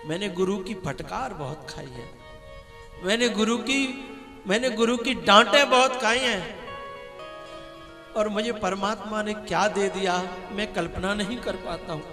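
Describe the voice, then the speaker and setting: Man, high voice, animated devotional storyteller, long hall echo with music. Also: a little slow. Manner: animated storytelling, acts out quarrels, sings devotional refrains. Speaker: religious storyteller. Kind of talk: devotional katha sermon with story.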